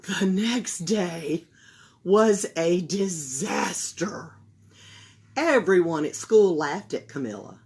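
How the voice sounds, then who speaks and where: A woman reading a children's picture book aloud for a library, slow and expressive. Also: lowish voice. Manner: slow, expressive, breathy storytelling. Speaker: library storyteller.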